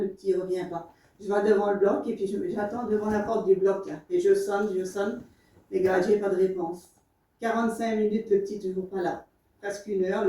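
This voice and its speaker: A woman's voice: mid-range voice, mellow. A woman giving a spoken church testimony, telling her story with emotion and many fillers. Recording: echoey room, far from the mic.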